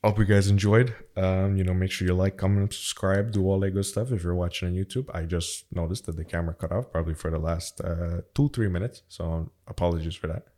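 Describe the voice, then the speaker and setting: A man's voice: deep voice, steady tone, a little fast, few pauses, a little mellow. A man hosts a casual podcast. He talks like one of the bros, full of slang and loose swearing. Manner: slangy, swearing, bro-like banter. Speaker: podcast host.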